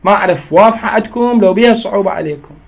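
Male teacher, high pitched, patient and repetitive explainer. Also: racing, creaky. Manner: reads a passage, then re-explains it with repeated examples. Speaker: Arabic grammar teacher. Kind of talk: explaining a grammar text line by line.

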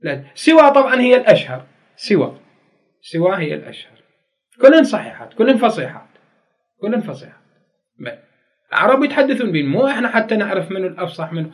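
High, lively Iraqi-accented male teacher. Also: fast talker, long pauses. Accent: Iraqi Arabic. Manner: explains by repeating key phrases, asks students questions. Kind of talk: grammar lecture to students.

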